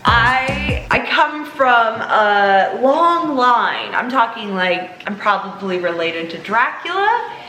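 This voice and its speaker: Bright-voiced young New Zealand woman. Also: on the high side, very animated, takes it slowly, roomy sound, soft background music. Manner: chatty, giggly, lots of fillers. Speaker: reef aquarium channel host. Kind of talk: casual Q&A chat.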